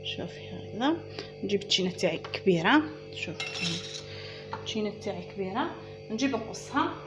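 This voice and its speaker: Fast-talking Algerian woman teaching baking. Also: mid-range voice, expressive. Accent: Algerian Arabic. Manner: chatty and instructive, addressing viewers as "girls". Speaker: home baking channel host. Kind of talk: casual cooking tutorial. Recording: music playing clearly behind her.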